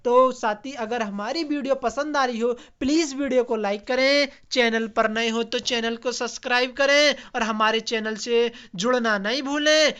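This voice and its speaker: A man's voice: very high voice, fairly bright tone, smooth. A man teaching an online exam practice lesson, asking viewers questions and answering them himself. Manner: quizzes viewers, repeats and answers own questions. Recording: dull lo-fi recording.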